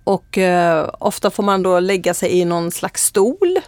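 A woman's voice: fairly low pitch, a little mellow, no room sound. Woman, earnest testimony, casual chat, frequent fillers, close dry recording.

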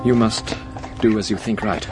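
An actor playing a grieving young gentleman in a radio drama, formal and subdued. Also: fairly low pitch, fairly even intonation, moderate pace, over loud music, natural voice.

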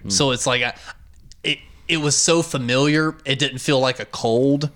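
A man chatting casually and telling stories in a rambling, animated way with plenty of swearing. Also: medium pitch, moderate pace. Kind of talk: casual chat, storytelling.

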